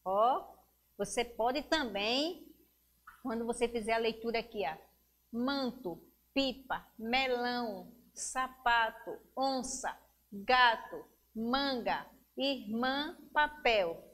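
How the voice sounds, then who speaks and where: Slow, encouraging woman teacher. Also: a little high, animated, fairly bright tone. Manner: slow, clear and encouraging, drawing out words for young pupils. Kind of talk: children's lesson on a local education channel.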